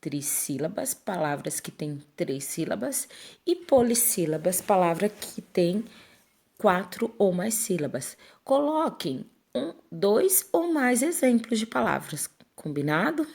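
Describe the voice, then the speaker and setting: A woman teaching young pupils, speaking at a slow, careful pace and sounding out words one syllable at a time. Her voice sits a little low, with a husky, gravelly texture, and she keeps checking that the children are following. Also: sing-song, a little mellow. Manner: slow, clear dictation, syllable by syllable. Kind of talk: classroom lesson for children.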